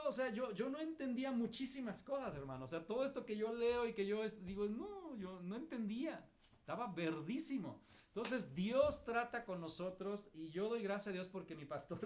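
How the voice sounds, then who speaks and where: A middle-aged Mexican man, a pastor teaching a class, telling self-mocking stories in a colloquial way. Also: high-pitched. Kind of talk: lively teaching with personal anecdotes.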